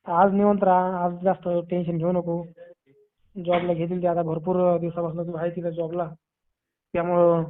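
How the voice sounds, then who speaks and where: High and smooth but monotone, the man's voice moves at a moderate pace with long pauses. With his Marathi accent, he offers a friend casual reassurance and advice over a thin, tinny phone line, repeating his phrases often.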